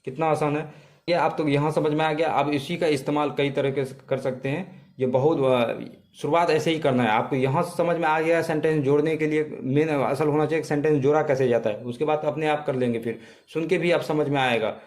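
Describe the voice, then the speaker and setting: A man's voice: fairly high pitch, steady tone, a little mellow. Guy teaching words, says each one over and over, lots of umms. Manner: repeats words slowly, with fillers. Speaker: language teacher. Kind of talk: casual spoken lesson.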